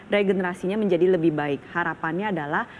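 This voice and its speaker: A woman's voice: fairly low pitch, quick pace, a little hiss or hum. A woman presenting on a health show, explaining things instructively to viewers at home.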